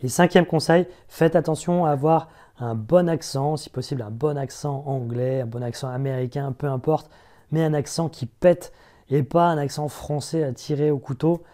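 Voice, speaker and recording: Male recruiter, slightly high, mellow voice; chatty, direct coaching tone. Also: fairly even intonation, normal speed. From France. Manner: chatty and direct, addresses viewers with frequent "ok?". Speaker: recruiter giving job interview advice. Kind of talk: casual advice video.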